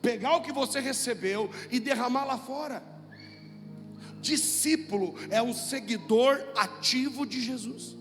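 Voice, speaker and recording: A man's voice: extremely high pitch, measured pace, long reverb tail, faint music behind. A man with a Brazilian Portuguese accent preaching a sermon as pastor, emphatic and repetitive, calling on the congregation to repeat after him. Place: church hall with music.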